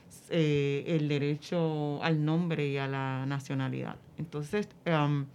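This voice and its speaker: A woman explaining things in an interview, haltingly and searching for words. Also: deep voice, flat delivery, darkish tone, clear, resonant tone.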